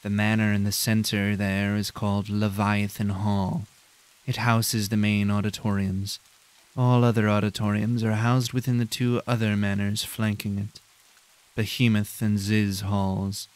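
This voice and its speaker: A condescending professor , put on by a man, drones in a flat, nasal monotone, each word drawn out coldly. The tone stays smooth and clean, never rising or falling much. He sounds bored by the tour he is giving. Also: fairly low pitch, close to an everyday voice. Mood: smug. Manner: cold, slow and drawn-out.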